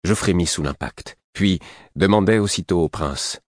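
A man narrating a story in a steady, composed way. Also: low voice, moderate pace, no room sound, clean studio sound. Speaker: audiobook narrator. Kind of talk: scripted narration.

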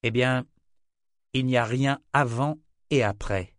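A man voicing a young seeker who reasons calmly, in an audiobook reading. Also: medium pitch, takes it slowly, no room sound, clean studio sound, close to an everyday voice. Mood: questioning. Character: young male seeker, calm and questioning.

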